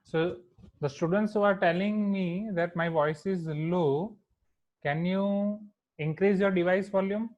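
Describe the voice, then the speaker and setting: An Indian man leads a live online maths class, code-switching between English and Hindi and often checking in by asking students to reply in the chat. His voice is slightly high, a little mellow, and a bit slow. The audio sounds echoey and thin, like a phone line.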